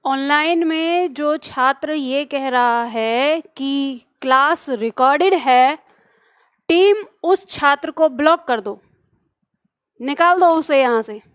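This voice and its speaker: Brief: a woman teacher, high voice, slow careful dictation, dry close sound. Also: no echo. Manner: slow deliberate dictation, scolding asides. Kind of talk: online grammar class, dictating notes.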